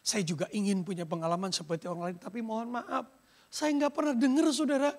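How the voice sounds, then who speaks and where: A man's voice: sits high, fairly even intonation, a little fast, a little mellow. A man preaching a sermon as pastor, emphatic and dropping English phrases into his talk. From Indonesia. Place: church sanctuary.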